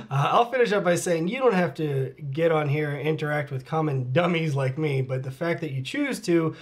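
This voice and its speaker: Here a middle-aged man talks at a moderate pace, his pitch on the high side. He's a channel host relaxing at home with his cat, reading fan comments aloud, answering questions, laughing often and dropping into quiet mutters.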